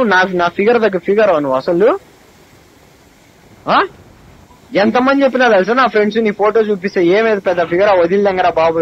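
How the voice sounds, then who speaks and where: A young man shouts accusations down a phone line, and his voice is high and racing. Each word comes out angry and abusive. The phone call recording sounds dull, with a faint hiss behind it. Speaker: college student on a phone call. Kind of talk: heated phone argument.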